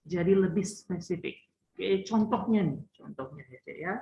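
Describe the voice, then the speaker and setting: A man's voice: sits high, moderate pace, gravelly, mellow, a little hiss or hum. Male tutor, jokey and repetitive; echoey room, muffled lo-fi sound. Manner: joking, teasing, repeats phrases. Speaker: English teacher. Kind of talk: casual online lesson. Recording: roomy, dull lo-fi.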